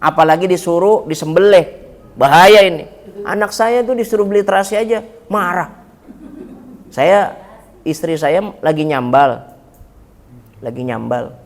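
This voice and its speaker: Joking preacher with a high voice. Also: male voice, measured pace, long pauses. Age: 40s. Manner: joking, talks straight to the congregation. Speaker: Islamic preacher. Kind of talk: humorous mosque sermon. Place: mosque.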